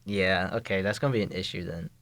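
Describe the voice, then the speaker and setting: A man's voice: sits low, steady tone, fast, fairly bright tone, no room sound. A man of twenty-one, a college student and podcast guest, chatting casually and laughing often.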